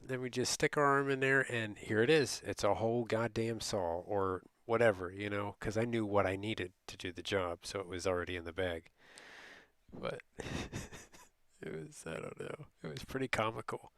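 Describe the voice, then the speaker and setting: Gravelly low-voiced man telling a story. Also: normal speed, fairly bright tone, no echo. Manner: rambling, laughing, quotes people in voices. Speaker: streamer. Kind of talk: casual late-night storytelling.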